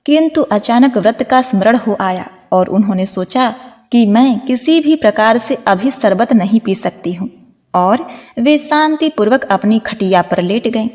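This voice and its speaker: A woman recounts a devotional tale, calling her listeners devotees. Her voice sits a little high and is gentle and reverent. A long reverb trails behind her words. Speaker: storyteller. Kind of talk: devotional story narration.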